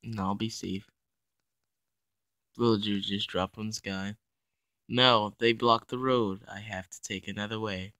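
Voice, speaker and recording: A man's voice: fairly low pitch, fairly even intonation, a little slow, long pauses, pushed and bright, no echo. A man giving playful, casual commentary over his own block-building game, narrating each move as he goes. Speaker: gaming YouTuber.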